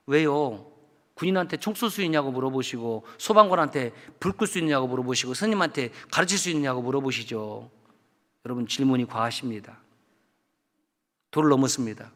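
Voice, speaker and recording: High-pitched pastor preaching in a reverberant hall. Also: male voice. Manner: animated, acts out dialogue and swings between loud outbursts and low asides. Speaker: guest pastor. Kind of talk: storytelling sermon with testimony. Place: church sanctuary. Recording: long church hall reverb.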